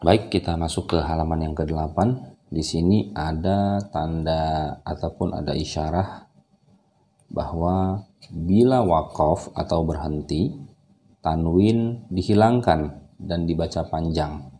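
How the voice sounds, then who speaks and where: Deep, dark-voiced Indonesian man, over-enunciating. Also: takes it slowly, long pauses, slight background noise. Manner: over-enunciates, drawing out example syllables. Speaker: Quran reading teacher. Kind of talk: step-by-step recitation lesson.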